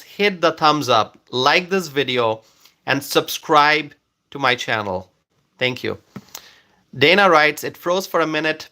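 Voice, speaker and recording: A slightly high, sharp voice belongs to a man whose native tongue is Bengali. Hosting a relaxed live stream, he thanks people by name and reads their comments aloud, leaning heavily on fillers.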